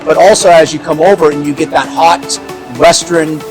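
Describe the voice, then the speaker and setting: With music playing in the background and poor recording quality, a man with a higher-pitched, fairly even voice walks through a large house at a moderate pace. As a real estate agent, he keeps things chatty and cheerful, using lots of fillers and laughing easily.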